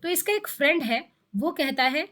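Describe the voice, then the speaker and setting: A woman gives a biology lesson for exam students, her voice sitting high. She explains step by step, repeats terms for emphasis and poses questions to herself before answering. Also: animated, moderate pace, fairly bright tone. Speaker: biology teacher. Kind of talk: exam-prep lecture.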